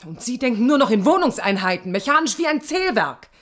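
Fairly high-pitched, sing-song and brisk, the lead actress narrates a 1980s East German radio drama in first person as an idealistic young architect who is reflective yet stubborn and defiant. The introspective monologue is defiant in mood and intimate, thoughtful and earnest in manner, sometimes dropping almost to a whisper.

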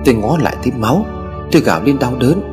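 A man narrating a first-person ghost story in a scripted, expressive storytelling manner. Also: medium pitch, fast talker. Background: faint music.

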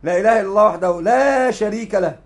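Man, religious lesson, high-pitched, brisk, emphatic repetition. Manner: emphatic, repeats phrases, quotes scripture. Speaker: sheikh teaching hadith.

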